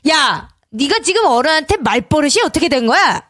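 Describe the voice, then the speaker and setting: A man's voice: very high-pitched, expressive, brisk, sharp tone, no room sound, clean studio sound, pitched above the performer's own voice, heavily acted. Woman voicing a bossy older father-in-law in a storybook drama, brusque and scolding. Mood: angry. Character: older father-in-law, pushy and quick to anger.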